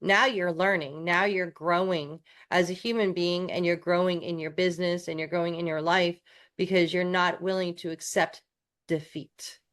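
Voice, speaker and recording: A woman's voice: on the low side, fairly even intonation, moderate pace, a bit bright. A woman from New York co-hosting a coaching podcast, chatting casually with restarts and self-deprecating asides.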